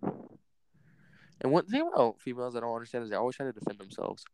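A man's voice: mid-range voice, very animated, fairly quick, a little mellow, slight background noise, low-quality recording. A man hosting a casual podcast chat, rambling in a laid-back way and saying "bro" and "like" a lot. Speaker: podcast host.

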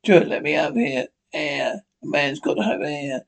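A man's voice: on the high side, animated, normal speed, vocal fry. A man playing a murderous old man in a horror radio play, with a menacing, theatrical delivery. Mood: gasping, dying. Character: gloating murderous old man, panicking when trapped.

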